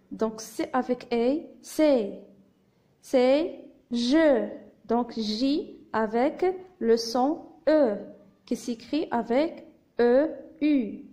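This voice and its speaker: A woman teacher with a Moroccan accent, giving a slow phonics reading lesson to young children and patiently sounding out letters and syllables. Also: sits high, mellow. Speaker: primary school teacher.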